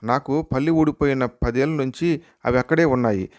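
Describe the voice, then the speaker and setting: A man's voice: mid-range voice, normal speed, close to an everyday voice. A man voicing a sly, amused old grandmother in a read-aloud joke, in his own plain voice. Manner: chuckling, teasing.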